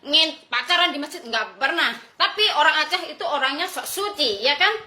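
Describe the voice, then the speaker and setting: A woman's voice: sits high, expressive, fairly quick, bright, forceful tone, roomy sound. A woman from Indonesia in an angry livestream rant, brash and mocking, who swears freely and laughs scornfully.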